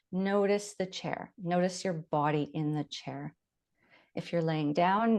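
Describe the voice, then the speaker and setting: Speaking in a fairly low pitch, a woman leads a body scan meditation. She gives her guidance gently and without hurry, leaving long pauses.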